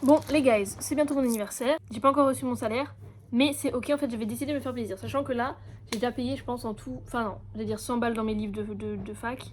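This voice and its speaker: A woman's voice: fairly high pitch, steady tone, fast, a little hiss or hum. A young woman with an accent from France chatting casually in a vlog, slangy and self-mocking, dropping in English words. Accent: French from France. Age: young adult. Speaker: vlogger and university student.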